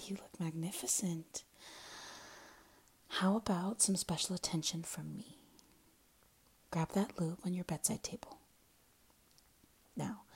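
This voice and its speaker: Slow, breathy whispering woman. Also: on the low side. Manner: soft unvoiced whisper throughout; teasing, coaxing, with soft hums and quiet laughs. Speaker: audio performer. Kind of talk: whispered intimate audio roleplay.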